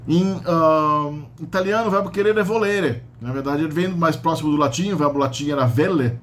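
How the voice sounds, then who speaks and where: A man's voice: fairly high pitch, brisk, a little hiss or hum. Brazilian man teaching grammar, chatty. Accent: Brazilian Portuguese. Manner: explanatory, many "né?" and "tá?" tags. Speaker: language teacher. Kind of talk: casual spoken grammar lesson.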